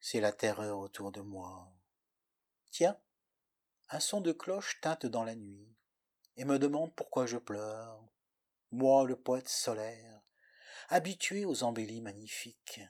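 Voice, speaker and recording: A man's voice: mid-range voice, expressive, slow, pauses often, a little mellow. A man narrating a poetic story in the first person with a dramatic, lyrical delivery.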